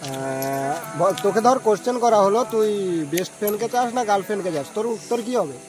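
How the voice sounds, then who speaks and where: A man's voice: high voice, expressive, fast talker. A man hosting casually, putting insistent questions to his friends. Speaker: host making prank calls to friends. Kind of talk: casual chat.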